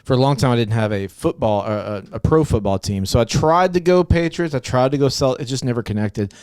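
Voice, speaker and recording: A man's voice: medium pitch, fairly quick, darkish tone, smooth, dry recording, studio quality. A man from Arkansas co-hosting a podcast, chatting casually, rambling with many restarts and easy laughs. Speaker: podcast co-host. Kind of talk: casual chat.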